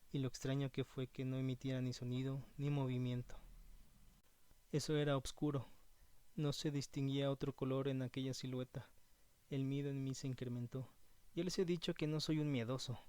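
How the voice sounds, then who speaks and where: A man narrating a first-person horror story in a measured, suspenseful way. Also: medium pitch, dark tone, smooth, no room sound. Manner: measured and suspenseful, slowing on tense moments.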